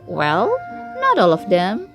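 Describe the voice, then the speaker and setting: A woman's voice: fairly low pitch, wildly swooping pitch, slow, soft background music, exaggerated voice. A woman voicing a frank, tactless female farm animal in a fairy tale read aloud. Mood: blunt. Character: blunt, tactless farm pig and gossipy duck neighbour. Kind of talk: fairy tale storybook character voice.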